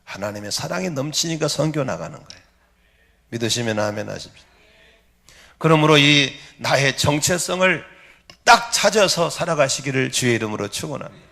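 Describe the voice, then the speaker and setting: A middle-aged male pastor preaching a sermon in a church, emphatic, calling for amens and swinging between loud exclamations and soft asides. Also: mid-range voice, animated, normal speed, creaky. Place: church sanctuary.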